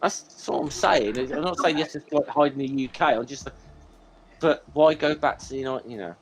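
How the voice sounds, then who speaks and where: A man in his forties with a broad Scottish accent, chatting casually as a panellist and often restarting his phrases in a halting way. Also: mid-range voice. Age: 40s. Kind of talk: casual banter.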